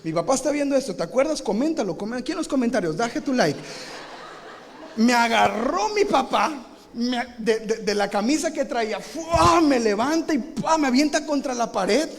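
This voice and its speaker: A man's voice: extremely high pitch, fairly quick. A male pastor preaching live, telling a comic childhood story with acted-out voices and sound effects. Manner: animated, acts out scenes with shouted sound effects. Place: large church, live service. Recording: reverberant live church hall.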